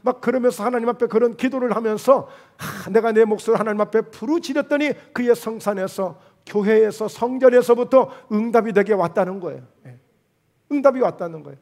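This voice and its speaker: A middle-aged man preaching a sermon as pastor, asking rhetorical questions and swinging between loud outbursts and hushed asides. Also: high voice, a little fast.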